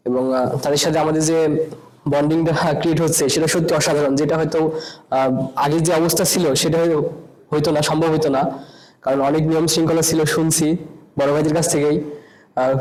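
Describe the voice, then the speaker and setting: Hesitant young man, quick delivery. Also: fairly high pitch, a little mellow, poor audio. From Bangladesh. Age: young adult. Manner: hesitant, many drawn-out "uh" fillers. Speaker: new university student. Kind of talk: introducing himself at a student gathering.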